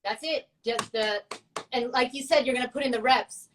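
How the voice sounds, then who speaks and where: A woman's voice: a little high, moderate pace, distant mic, a little hiss or hum, rough recording. A woman co-hosting a casual chat, talking in a chatty, playful way with laughing asides. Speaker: co-host.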